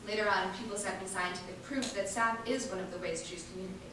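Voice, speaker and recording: A woman with a steady mid-range voice performs an activist's first-person monologue, reading earnestly and emphatically with deliberate pauses. She's heard from a distance in a large indoor venue, where the hall echoes and a faint noise lingers.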